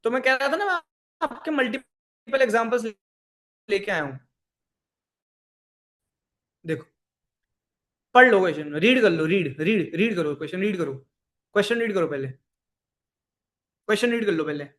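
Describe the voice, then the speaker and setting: A man's voice: sits high, expressive, moderate pace, pauses often, fairly bright tone. A man teaching a live online programming class, mixing English coding terms into his Hindi, repeating his phrases and quizzing the students. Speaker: programming instructor.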